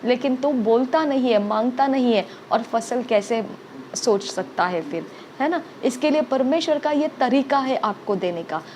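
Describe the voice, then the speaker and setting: A woman preacher delivers a sermon in a fairly high voice, driving her points home with repetition and frequent "okay?" checks. Faint ambient noise sits under her voice. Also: lively intonation, measured pace, a little mellow.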